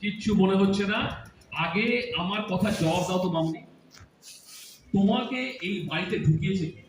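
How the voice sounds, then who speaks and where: In a Bengali audio drama, a male radio actor plays a grown son who teases and lectures his mother and aunt. His voice is high-pitched and natural at normal speed, heard in a distant, echoey room with faint hiss.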